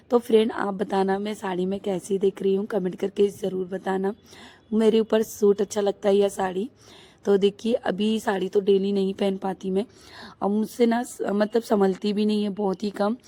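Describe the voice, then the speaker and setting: Hoarse woman chatting on a rooftop. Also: mid-range voice, warm tone. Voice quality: thick, husky voice. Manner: chatty, rambling, many fillers. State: hoarse from a cold. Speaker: vlogger; housewife and mother. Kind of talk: casual vlog chat. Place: rooftop outdoors.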